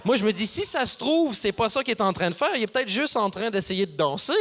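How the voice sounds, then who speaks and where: A Canadian man doing stand-up, telling a story and acting out the people in it with quick voice changes. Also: high-pitched. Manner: animated, acts out characters with voices. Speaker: stand-up comedian. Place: theater stage before an audience.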